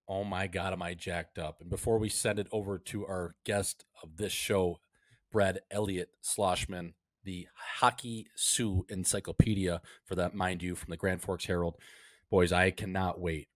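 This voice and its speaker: A man's voice: lowish voice, no echo, studio quality. A man hosting a casual sports podcast, talking like a hyped-up frat bro with slangy, profane banter. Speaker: podcast host.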